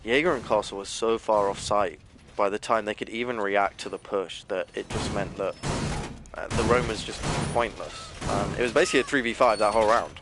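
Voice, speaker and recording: This esports caster speaks on the low side and briskly, delivering casual, analytical live commentary on a competitive shooter match packed with filler. He keeps hiccuping, and the recording is very noisy.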